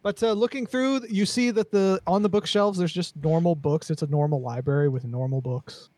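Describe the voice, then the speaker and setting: A man's voice: on the high side, moderate pace, a little mellow, dry recording. A man running a tabletop game as game master, laid-back, often laughing and repeating himself.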